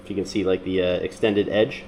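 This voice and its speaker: A man with a nasal, congested voice from being sick, calmly walking through a repair step by step with frequent ums and uhs. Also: low voice, fairly quick, a little hiss or hum. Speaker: mechanic demonstrating a repair. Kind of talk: casual how-to demonstration.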